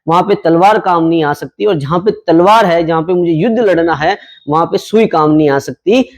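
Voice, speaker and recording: A young man with a high-pitched voice teaches a class, explaining exam topics conversationally and posing questions to students that he answers himself.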